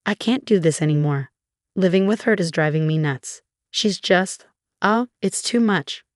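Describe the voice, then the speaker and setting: A woman's voice: on the low side, moderate pace, no echo, clean studio sound, lightly acted. A woman voicing a scheming, self-pitying husband who pleads and dodges in a storybook reading. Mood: fed up. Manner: pleading, evasive.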